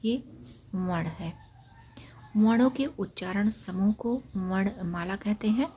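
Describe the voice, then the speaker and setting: A woman teaching an exam-prep grammar lesson, explaining point by point and repeating key facts, with trailing syllables that drop to a breathy near-whisper. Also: mid-range voice, slow pace, warm tone, a little hiss or hum. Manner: repetitive, explains points step by step.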